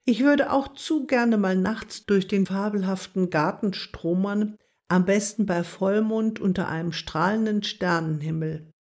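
A woman voicing a dreamy, kind young female mouse in a gentle storybook reading. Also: medium pitch, unhurried, close to an everyday voice.

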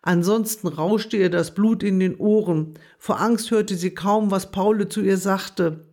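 A woman narrating a children's animal story in a calm, gentle reading voice. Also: medium pitch, measured pace.

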